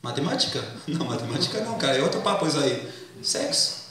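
A high-pitched man preaching to his church, chatty and slangy, drawing call-and-response from the pews. His voice booms around a very echoey hall, picked up from a distance. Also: very animated, fast talker, a bit bright. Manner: acts out comic skits. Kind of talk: sermon.

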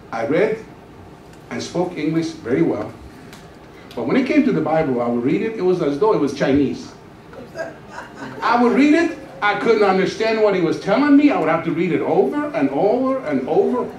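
A middle-aged guest pastor preaches a testimony sermon on a church stage into a handheld mic, telling his story in an animated way and acting out the dialogue. His voice sits high, and the recording is echoey and distant, with slight background noise.

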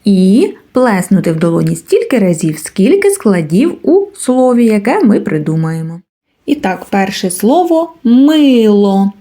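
A woman teaching a literacy lesson to preschool children, speaking slowly and drawing out each word clearly. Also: medium pitch, big pitch swings, dark tone. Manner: slow, clearly enunciated, drawing out words. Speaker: kindergarten teacher.

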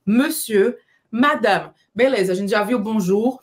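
A woman with a Brazilian Portuguese accent, hosting a casual video lesson and explaining things patiently, slowing down to model sounds. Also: mid-range voice. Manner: explanatory, slows down to model pronunciation. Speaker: language teacher.

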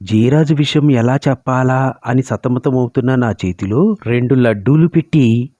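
A man narrating a short story in a steady, measured reading voice. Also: medium pitch, no room sound. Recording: dull lo-fi recording.

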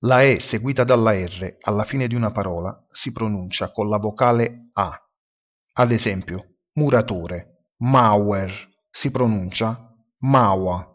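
Slow, low-voiced male teacher, husky. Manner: spells out words slowly and deliberately. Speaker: language teacher. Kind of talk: slow explanatory lesson. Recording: dull lo-fi recording.

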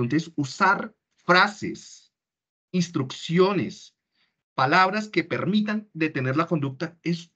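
A man's voice: high-pitched, fairly bright tone, breathy edge. A man giving an online parenting workshop in a conversational way, often checking in with the audience. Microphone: video call. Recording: dull lo-fi call audio.

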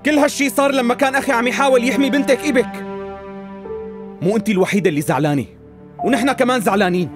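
An actor playing a hot-tempered, protective young nephew with a Syrian accent, protesting indignantly in a dubbed TV drama. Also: male voice, very high-pitched, racing, long pauses, music in the background. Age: young adult.

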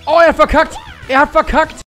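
A young man streaming and commentating a tennis video game for his chat in a casual, jokey way, with sudden excited shouts. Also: extremely high pitch, a little fast, music in the background.

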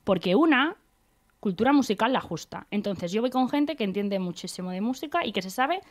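A woman's voice: medium pitch, expressive, fairly quick. A young woman co-hosting a podcast in a radio studio, chatting casually with playful, teasing banter. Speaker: podcast co-host. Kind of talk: casual chat.

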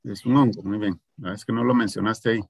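A man's voice: lowish voice, steady tone, quick pace, vocal fry, no echo, studio quality. A man teaching an online agronomy class, explaining patiently and often checking in with his students. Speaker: agronomy instructor.

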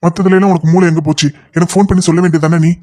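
A man voicing an impatient young lover in a cartoon, talking fast and insistently. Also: fairly high pitch, steady tone, a little mellow, lightly acted. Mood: scolding. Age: young adult. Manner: rapid, insistent scolding. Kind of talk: cartoon voice acting.

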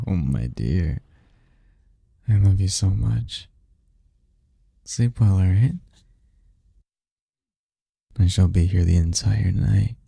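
In a romantic ASMR roleplay, a man voices a possessive demon lover, his low, very mellow voice carrying a gravelly creak. He delivers the lines slowly with long pauses, blending teasing tenderness with old-fashioned courtliness in a heavily acted, tender and affectionate performance. The recording is dry and studio quality.

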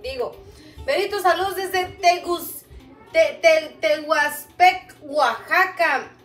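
Her voice is very high and a bit bright, and she speaks slowly over soft background music. A cooking livestream host from Guatemala with Chuj as her first language, she chats casually in her home kitchen, reading viewer comments aloud and calling viewers "mamita." The camera sits a little way off, giving an echoey, distant-mic sound.

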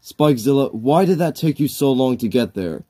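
A man's voice: medium pitch, lively intonation, moderate pace, warm tone, natural voice. A man voicing a smug, teasing male monster with fire breath, dry and mocking in a comic gaming sketch.

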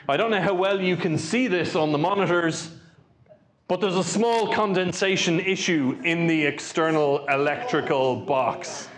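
A man with an Irish accent giving a lightning talk at a tech meetup, telling stories in a dry, joking way. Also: sits high. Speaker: conference speaker.

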